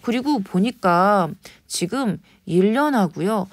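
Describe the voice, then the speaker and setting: A woman teaching a poetry lesson in a lively way, switching between quick asides, whispers and slow stressed words. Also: mid-range voice, no echo, clean studio sound. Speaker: Korean literature teacher.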